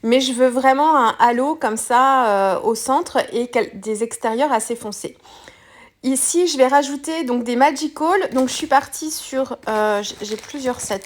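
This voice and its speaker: A woman with a voice a little higher than most talks through a craft project step by step. Her delivery is relaxed and unscripted. She pauses often with fillers and restarts her sentences as she works. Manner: hesitant, frequent fillers and self-corrections. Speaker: craft tutorial presenter. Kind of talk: casual step-by-step demonstration.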